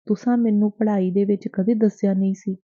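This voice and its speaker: A woman's voice: mid-range voice, fairly even intonation, fast talker, no room sound, natural voice. A woman voicing an innocent young village girl who asks wondering questions in a raised voice, read for an audiobook. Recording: dry, tinny phone-like sound.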